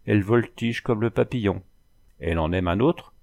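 A man's voice: on the low side, moderate pace, gravelly, darkish tone. A man voicing an old sorceress who speaks in solemn, cryptic riddles. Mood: oracular. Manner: solemn, oracular speech in riddles.

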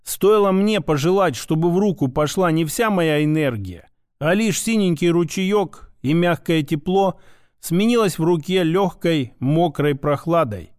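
Male first-person audiobook narrator, high voice, dry close recording, steady. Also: measured pace, no echo.

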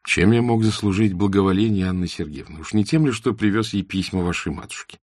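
A friendly, inquisitive young man presses his questions with earnest liveliness, as a male narrator plays him. His voice is low and husky, recorded dry and close. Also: brisk, a little mellow, no echo. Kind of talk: audiobook character reading.

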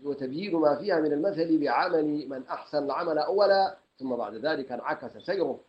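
Brief: Sudanese sheikh, man, reading out a classical commentary at a quick clip, slightly raised voice, dull lo-fi recording. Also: a little high. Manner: reads aloud, recites verses slowly, restarts phrases. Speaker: sheikh teaching Quran exegesis.

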